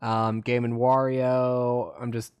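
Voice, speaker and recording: A man chats casually on a podcast with a middle-pitched voice. The recording is close and dry, with no room echo. His voice jumps high in pitch when something amuses him. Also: level tone, slow, a little mellow, smooth. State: hiccups. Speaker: podcast co-host. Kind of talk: casual chat.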